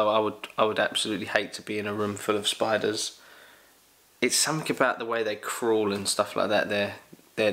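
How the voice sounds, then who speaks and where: A young man with a London accent, casually answering Q&A questions in a jokey, animated way. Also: lowish voice, gravelly. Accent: London English. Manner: animated, jokey, exclaims loudly. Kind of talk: casual Q&A chat.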